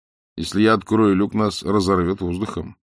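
A man's voice: deep voice, fairly even intonation, normal speed, dry recording, clean studio sound, lightly acted. A man doing an urgent airline captain. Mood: urgent orders. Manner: urgent, commanding.

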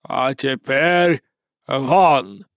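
A man voicing a slow, gruff male president who gives orders in a low, deliberate drawl. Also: expressive, fairly bright tone, no room sound, clean studio sound, full character voice. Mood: commanding.

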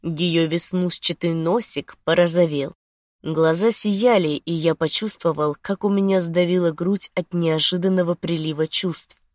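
A woman calmly reading a romance novel aloud as its narrator. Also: fairly low pitch, unhurried, dry recording, studio quality. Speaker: audiobook narrator.

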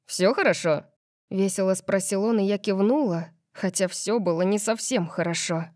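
A woman narrating a first-person audiobook in an expressive manner. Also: medium pitch, moderate pace, no echo, studio quality.

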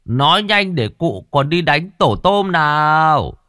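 A man's voice: on the high side, big pitch swings, slow, pushed and bright, no echo, voice pushed up, exaggerated voice. A bold, cheeky young village girl taunting the spirits, as a male narrator puts her on in a ghost story. She sounds raised and brash, and the recording is dry. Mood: gruff mockery. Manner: mocking, bossy.

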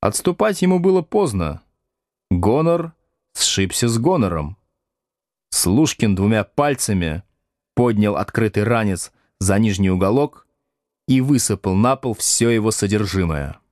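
A man narrating an audiobook in a measured, expressive storytelling voice. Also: lowish voice, no echo, clean studio sound. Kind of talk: scripted narration.

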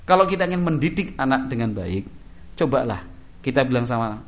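A man's voice: medium pitch, lively intonation, brisk. A middle-aged man with a Javanese accent giving a religious study lecture in a casual, conversational way. He acts out everyday dialogue and keeps coming back to a small verbal tic. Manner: conversational, acts out quoted dialogue in shifted voices; repeats "kan itu" as a verbal tic. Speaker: preacher.

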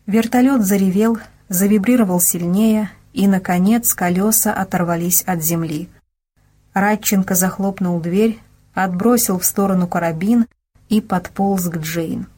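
Woman narrating an audiobook, steady even storytelling, mid pitch. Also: measured pace, husky. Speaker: audiobook reader. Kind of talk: scripted narration.

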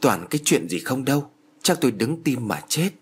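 A man voicing a frightened elderly mother, talking in a shrill, quavering, exclaiming way. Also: sing-song, normal speed, slightly rough. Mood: fretful.

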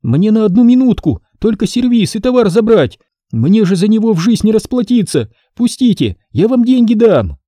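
A man reading an audiobook voices a pushy woman trader who shrieks, begs and snaps in a high, strained voice. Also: big pitch swings, normal speed, warm tone, no echo, clean studio sound. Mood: pleading. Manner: shrill, pleading and bossy.

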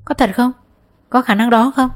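Desperate sobbing mother, as a woman reader puts her on, pitch lifted high, pleading, storybook audiobook voice. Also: fairly even intonation, normal speed, natural voice. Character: distraught middle-aged mother, tearful, pleading for her son. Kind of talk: audiobook character voice.

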